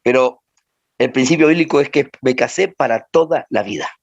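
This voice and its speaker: Man, pastor, rioplatense accent, animated sermon storytelling, dull lo-fi recording. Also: medium pitch, moderate pace, gravelly, slightly rough. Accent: Rioplatense Spanish. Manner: animated storyteller, voices the people in his stories. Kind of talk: teaching sermon with anecdotes.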